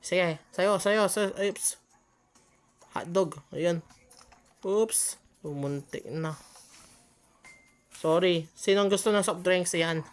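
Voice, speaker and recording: A woman's voice: fairly low pitch, very slow, pauses often. A woman giving chatty gameplay commentary, often exclaiming and laughing at her own mistakes. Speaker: gaming channel host.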